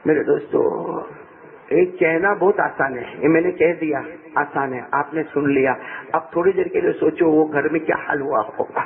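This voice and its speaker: A man preacher telling a religious story in a dramatic sermon, swinging between raised cries and hushed low passages and often asking his listeners questions. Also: creaky. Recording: tinny phone-like sound.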